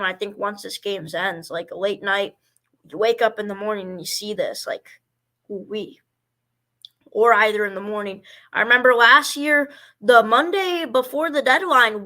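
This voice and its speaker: A man's voice: sits high, pushed and bright. A man doing amateur baseball play-by-play commentary, rambling and stumbling over player names.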